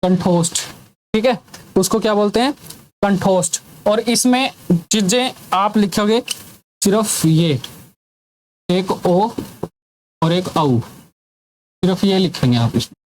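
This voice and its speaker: A man's voice: sits high, lively intonation, slow, pauses often, darkish tone, slight background noise. A male teacher giving a classroom grammar lesson, drilling sounds over and over, asking the class questions and dropping teasing jokes. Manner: drills students with repeated sounds and call-and-response questions; jokey teasing asides.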